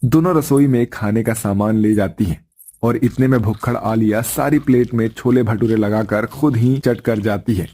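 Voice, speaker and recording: A man narrating a cartoon family story in a plain, even scripted delivery. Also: on the low side, normal speed.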